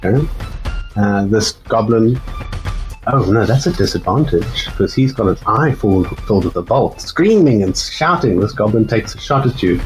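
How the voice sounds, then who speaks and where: A man's voice: on the low side, moderate pace, soft background music, low-quality recording. A man narrating as game master of a tabletop game, rambling with fillers and self-corrections.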